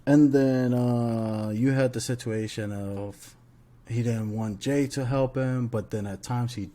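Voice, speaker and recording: A man's voice: medium pitch, fairly even intonation, slow pace, dark tone. Laid-back slangy male podcast co-host. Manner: laid-back slangy banter, laughs often. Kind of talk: casual chat.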